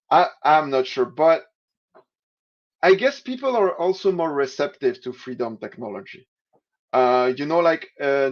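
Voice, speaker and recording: A Swiss man, a podcast guest, gives casual interview answers in a halting way, with many restarts and fillers. His voice is middle-pitched, and the call has a dull, lo-fi sound.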